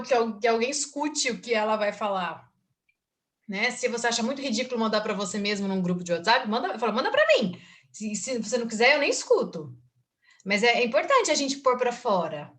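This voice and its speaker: Woman host, slightly high and bright, chatty and expressive, quotes her own thoughts aloud. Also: a little fast. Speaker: book circle host and teacher. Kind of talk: casual group discussion.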